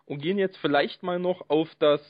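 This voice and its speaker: A man hosting a casual podcast chat, speaking in a measured way and hedging with fillers. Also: on the high side, fairly even intonation, no room sound. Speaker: podcast host. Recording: dry, dull lo-fi sound.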